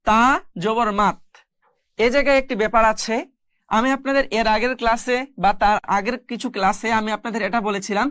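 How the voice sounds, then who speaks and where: Woman, higher voice, patient Quran reading teacher, dry close sound. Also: fairly bright tone, no room sound. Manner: patient, repeats each syllable slowly. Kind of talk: spelling out Arabic letter by letter.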